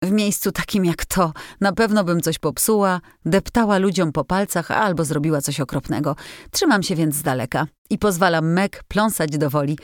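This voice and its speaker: A woman's voice: on the low side, moderate pace, dry recording, clean studio sound, close to an everyday voice. A woman voicing a spirited, blunt teenage girl in a storybook reading, asking eager questions.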